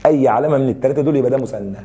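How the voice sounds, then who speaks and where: A young Egyptian-accented man teaching grammar with a mellow, warm tone. He walks through the rules step by step and keeps tossing quick questions to his students. His delivery has a lively classroom rhythm. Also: medium pitch. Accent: Egyptian Arabic.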